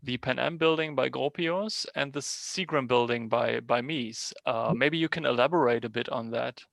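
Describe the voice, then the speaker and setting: A man moderating an interview, asking polite, measured questions. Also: mid-range voice, gravelly, a bit bright, no room sound.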